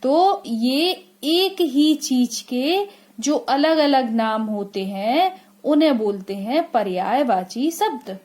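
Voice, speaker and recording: A woman school teacher giving a lesson to children. She asks questions, answers them herself and repeats things slowly. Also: high voice, expressive, a little mellow. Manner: slow, repetitive explaining.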